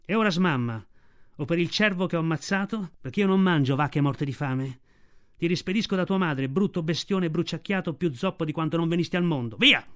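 A man's voice: a little high, lively intonation, a little fast, darkish tone, natural voice. A man voicing a fierce, protective mother she-wolf in an audiobook, speaking defiantly in a raised voice. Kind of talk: audiobook reading.

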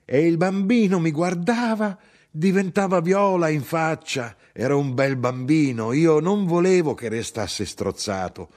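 A man's voice: a little high, a little slow, pitched above the performer's own voice. A feisty older mother, put on by a man. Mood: brisk, spirited. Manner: lively, animated dialogue. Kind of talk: audiobook reading.

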